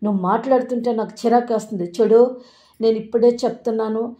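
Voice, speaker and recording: A woman voicing a furious young husband who shouts threats at a woman he blames. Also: a little high, fairly even intonation, quick pace, close to an everyday voice.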